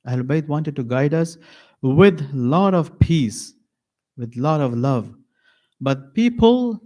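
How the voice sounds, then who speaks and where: A man delivers a mourning sermon at an Islamic center, speaking slowly and emphatically, repeating key phrases and pausing. His mid-range voice has a warm tone.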